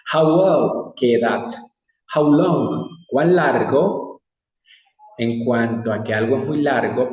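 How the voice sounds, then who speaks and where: Man teacher going over english phrases real slow, mic a bit far, roomy echo. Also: mid-range voice, a little mellow. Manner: slow, deliberate, exaggerated English pronunciation. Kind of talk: classroom lesson. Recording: echoey room, distant mic.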